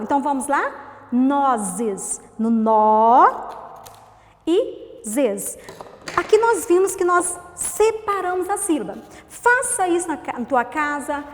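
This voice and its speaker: High-voiced teacher drawing out syllables. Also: female voice, in a large hall. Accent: Brazilian Portuguese. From Brazil. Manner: slow and clear, stretching out syllables; asks the class questions and answers them herself. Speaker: primary school teacher. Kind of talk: recorded video lesson for children.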